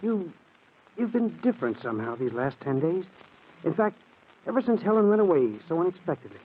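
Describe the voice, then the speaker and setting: An actor playing an anxious, devoted young husband who stammers earnestly in 1940s radio acting style, on a tinny old broadcast. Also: male voice, on the high side, sing-song, fairly quick, a little hiss or hum. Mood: flustered.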